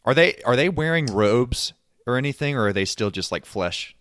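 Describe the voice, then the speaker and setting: A man's voice: mid-range voice, expressive, normal speed, fairly bright tone, dry recording. A man hosting a podcast in casual chat, riffing and joking. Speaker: podcast host.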